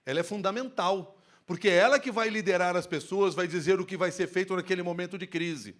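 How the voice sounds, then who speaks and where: A man speaking on stage at a workplace safety event, giving an expressive live lecture into a handheld microphone. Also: sits high, fairly quick. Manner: animated, expressive, shifts tone to demonstrate.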